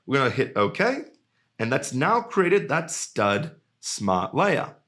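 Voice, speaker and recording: Man in a lively software walkthrough. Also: medium pitch, slow pace. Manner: relaxed, jokey, talks to the software as a person. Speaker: software trainer. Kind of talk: screen-recorded software tutorial.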